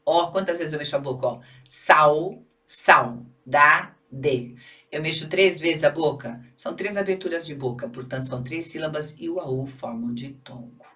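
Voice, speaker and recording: Woman, Brazilian accent, low voice, grammar teacher, didactic, slightly distant mic. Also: a bit bright. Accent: Brazilian Portuguese. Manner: didactic, checks in with "tá bom?" and "certo?"; stretches syllables to demonstrate stress. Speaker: Portuguese teacher. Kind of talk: exam-prep grammar lesson.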